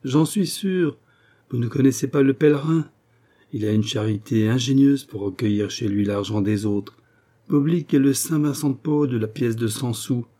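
A man voicing a lively, carefree young poet who talks with enthusiasm. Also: mid-range voice, moderate pace, close to an everyday voice. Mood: mocking, ardent. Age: young adult. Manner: enthusiastic, raised voice.

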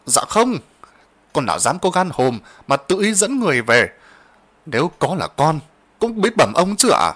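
A man's voice: a little high, very animated, normal speed, fairly bright tone, voice pushed up. A man voicing a timid young male servant who speaks politely and hesitantly, stammering when frightened. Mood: scared hesitant.

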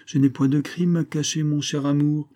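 A man reading the part of a scheming, smooth-talking middle-aged army major, pompous and theatrical, mock-affectionate toward his wife. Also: on the high side, level tone, normal speed, warm tone, voice pushed up, lightly acted.

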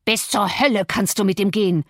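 A woman voicing a surly, harsh male master of a farmhouse who answers gruffly and dismissively. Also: high-pitched, quick pace, a bit bright, no echo, clean studio sound, pitched above the performer's own voice. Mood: gruff scorn.

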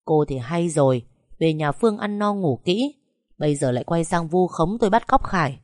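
A woman's voice: sits low, animated, normal speed, a little mellow, no echo, clean studio sound. A woman voicing a cold, harsh young husband who speaks in curt threats. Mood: bitter.

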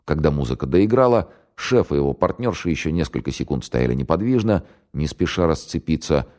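A man narrating a spy novel in an expressive, wry storytelling manner. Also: very deep voice, a little fast. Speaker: audiobook narrator.

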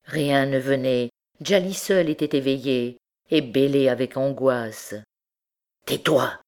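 A woman reading a classic novel aloud as an audiobook narrator, in a measured, unhurried style. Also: a bass voice, a little mellow, smooth. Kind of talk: scripted narration.

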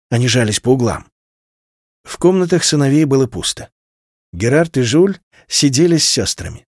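A man reading a novel aloud as narrator, in an expressive, measured way. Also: medium pitch, no room sound, clean studio sound. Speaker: audiobook narrator. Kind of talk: scripted literary narration.

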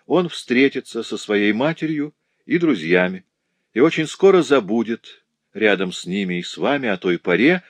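A man voicing a calm, kindly gentleman in an audiobook, speaking in a measured, reassuring way. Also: medium pitch, no room sound, pitched above the performer's own voice. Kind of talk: audiobook character voice.

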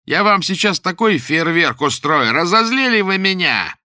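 A man voicing an unhinged stalker who taunts in a loud, drawn-out, mock-sweet way. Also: a little high, big pitch swings, no echo, studio quality, voice pushed up. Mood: angry.

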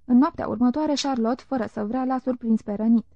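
A woman narrating a literary audiobook in a calm, measured reading voice. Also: a little high, no room sound. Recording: dull lo-fi recording.

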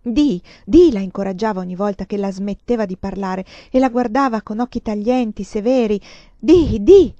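A woman reading a novel aloud in an expressive, measured way. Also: medium pitch, no echo, muffled recording. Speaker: reader.

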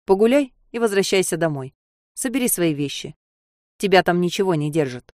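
A woman's voice: lowish voice, animated, a little fast, a little mellow, dry recording, clean studio sound, lightly acted. A woman voicing a harsh, cynical male voice in a heroine's head, speaking bluntly and with contempt.

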